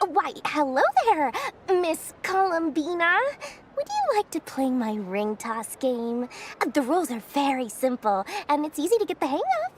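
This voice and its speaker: A woman's voice: high-pitched, sing-song, moderate pace, slight background noise. A woman voicing a small, greedy female festival merchant in a video game, with theatrical, coaxing, singsong sales patter. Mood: salesy, eager. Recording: music playing behind the voice.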